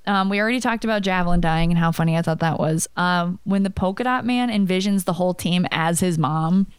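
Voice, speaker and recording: A woman chats casually about films, animated and quick to laugh. Her voice is smooth and clear. The sound is dry and close to the mic. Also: fairly low pitch, no room sound. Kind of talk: casual movie review chat.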